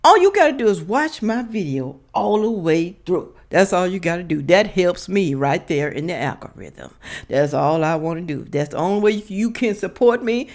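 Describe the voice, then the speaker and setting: A woman's voice: lowish voice, lively intonation, normal speed. A woman gives blunt, emphatic, casual commentary to her viewers, repeating herself, her words slurred as if speaking without her dentures in. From United States. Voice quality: slurred, toothless speech from missing dentures. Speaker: reaction video host.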